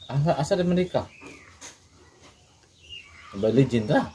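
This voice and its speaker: A man's voice: a little high, animated, normal speed, warm tone, slight background noise. A man casually teasing others off to the side, often calling them "boy", heard from a distance.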